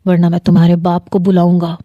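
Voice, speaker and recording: A woman's voice: lowish voice, monotone, dark tone, no room sound, highs cut off, lightly acted. A woman voicing a stern, protective middle-aged father who scolds. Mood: angry.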